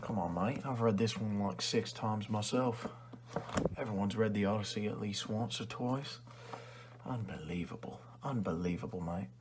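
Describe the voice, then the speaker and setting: A man's voice: lowish voice, normal speed, background noise, lightly acted. A man playing a rude, condescending librarian who sells used books, in an ASMR role-play with chummy but insulting salesman-like patter. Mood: exasperated. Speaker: ASMR performer.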